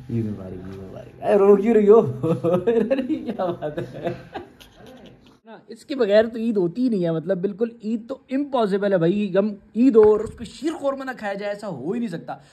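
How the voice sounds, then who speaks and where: A man's voice: high-pitched, sing-song, normal speed, warm tone, husky. A young man vlogging casually, teasing friends and family and laughing often. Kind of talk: casual vlog chat.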